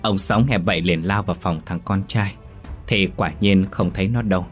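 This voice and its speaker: A man narrating a ghost story in a steady, grave storytelling manner. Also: low-pitched, brisk, faint music behind.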